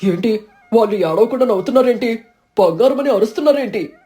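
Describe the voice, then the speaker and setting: A woman voicing a greedy, jealous village man in an animated storybook, with bitter, self-pitying outbursts. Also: fairly high pitch, brisk, soft background music, lightly acted. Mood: dismayed. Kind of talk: storybook character voice.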